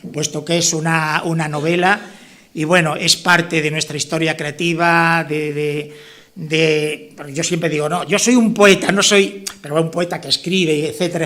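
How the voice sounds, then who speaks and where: Male author from La Mancha, fairly high voice, loose rambling delivery full of restarts and tag questions. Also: a bit bright. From La Mancha, Spain. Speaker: author presenting his novel. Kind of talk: informal speech at a book presentation.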